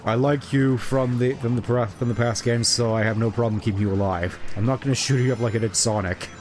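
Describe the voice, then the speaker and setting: A man's voice: mid-range voice, fairly even intonation, a little fast, darkish tone. A man giving casual live game commentary as a streamer, musing and rambling wryly. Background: game music.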